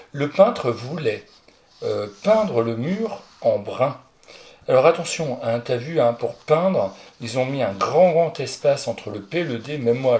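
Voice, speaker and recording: A man's voice: mid-range voice, vocal fry, darkish tone, a little hiss or hum. Chatty man correcting spelling exercises. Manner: talks directly to the child, chatty, corrects himself aloud. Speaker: primary school teacher. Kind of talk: explaining spelling exercises to a child.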